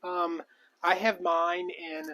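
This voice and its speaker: A man with a slightly raised pitch rambles through casual live-stream chat. He talks loosely, trailing off and restarting, with lots of fillers as he sorts his craft supplies. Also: little pitch movement, slow, pushed and bright. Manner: rambling, chatty, many fillers. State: out of breath. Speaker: crafting vlogger.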